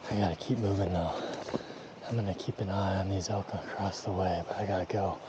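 A man's voice: deep voice, steady tone, fairly quick, muffled recording. A man filming himself while hiking in the mountains, often whispering and out of breath from the climb. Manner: often whispering to avoid spooking game. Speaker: hunter filming a scouting trip. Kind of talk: hushed hiking vlog narration. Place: outdoors in mountain terrain. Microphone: camera mic carried while hiking. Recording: loud wind and outdoor noise on camera mic. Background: loud outdoor ambience.

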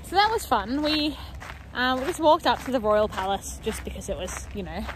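A woman's voice: fairly high pitch, sing-song, normal speed. Chatty Australian woman vlogging outdoors. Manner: chatty, many "like" and "um" fillers. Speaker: travel vlogger. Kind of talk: casual travel vlog chat. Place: snowy city streets and parks outdoors. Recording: outdoor street noise behind.

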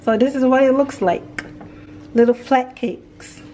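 A young woman, a single mom, chatting casually through a home vlog, sometimes talking low and soft. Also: fairly even intonation, a little slow, far from the mic, slight background noise. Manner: chatty, talks softly and low at times. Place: home, indoors.

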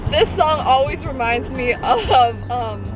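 A woman's voice: high-pitched, lively intonation, takes it slowly, a loud crowd, poor audio. A teenage girl chatting casually while she drives, rambling with lots of fillers. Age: teens. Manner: rambling, hesitant, frequent fillers. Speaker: vlogger. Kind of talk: casual drive-along vlog chat. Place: inside a car, driving. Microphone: dash-mounted camera mic. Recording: loud music under the voice. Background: loud Christmas music from the car radio.

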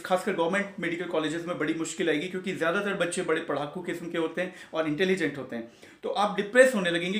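A man in his forties, a pediatric doctor, giving earnest, casual career advice to camera, often pausing and checking in with "okay". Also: high voice, fairly bright tone, reverberant. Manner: earnest, mixes English terms, frequent "theek hai" and pauses.

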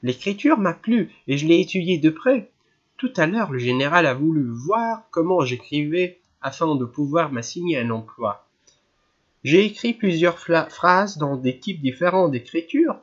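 A man reads a polite young prince explaining at length in a courteous, serious voice that rises and falls freely. He is a gentle storybook nobleman. The sound is muffled and lo-fi. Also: on the high side, lively intonation, unhurried. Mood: earnest. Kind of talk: audiobook character reading.

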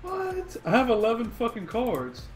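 A man's voice: on the high side, moderate pace, soft background music. A man in casual online game chat, exasperated and swearing. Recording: roomy echoey mic.

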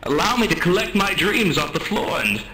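A man's voice: sits high, brisk, crowd noise. A man in gaming voice chat, speaking in a theatrical, mock-dramatic way. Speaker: gamer. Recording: roomy mic with steady noise.

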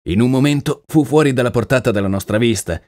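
A man's voice: mid-range voice, fast, darkish tone, no echo, studio quality, lightly acted. A man voicing an earnest, uneasy male horse trainer in an audiobook, talking plainly and deferentially. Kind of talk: audiobook character reading.

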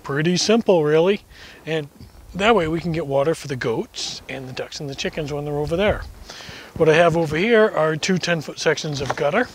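A man's voice: a little high, fairly quick, slight background noise. Chatty man narrating outdoor barn work. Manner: chatty, explains each step while working, self-deprecating jokes. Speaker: homesteading vlogger. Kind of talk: casual how-to narration. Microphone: camera mic from a distance.

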